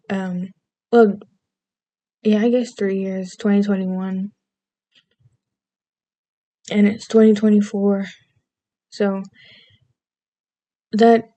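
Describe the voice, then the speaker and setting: Casting: American woman with a faint Southern lilt, a chatty vlog rambler with a mellow, fairly even delivery. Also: mid-range voice. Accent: American with a slight Southern lilt. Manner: meandering, self-interrupting, goofy. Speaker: vlogger. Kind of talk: casual rambling monologue.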